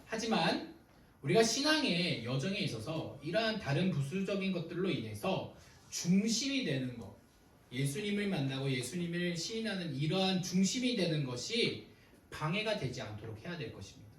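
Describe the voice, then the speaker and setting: A young man preaches to teenagers in a chatty, storytelling way, acting out quoted conversations. His voice sits a little high and rises and falls a lot. It was recorded from a distance in an echoey church room with a faint hum behind it. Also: big pitch swings, normal speed. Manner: conversational preaching, retelling arguments with quoted dialogue. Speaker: youth ministry pastor. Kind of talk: sermon to teenagers. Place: church sanctuary.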